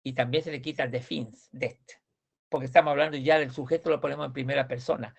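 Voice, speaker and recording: This male Swedish teacher has a medium-pitched, steady voice that's creaky and slightly rough, and he talks fast. Patient with his grammar class, he repeats words and keeps asking checking questions to see if students are following.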